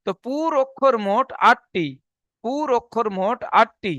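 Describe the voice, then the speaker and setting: A man's voice: extremely high pitch, expressive, unhurried, sharp tone, dry recording, lo-fi sound. A man teaching an online Quran reading class, patient, repeating each letter and point twice.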